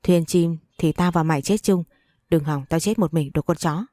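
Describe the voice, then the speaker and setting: A woman's voice: low voice, normal speed, mellow, no room sound, studio quality, close to an everyday voice. A woman voicing a harsh abusive father. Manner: insulting, accusing. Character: harsh abusive middle-aged father, bitter. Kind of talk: audiobook story reading.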